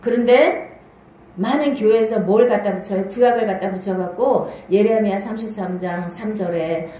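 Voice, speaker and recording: A woman's voice: medium pitch, normal speed, dark tone. A woman pastor preaching a Bible-study sermon in a church hall, often asking the listeners questions and checking they follow. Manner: marks each new point with a short "now then".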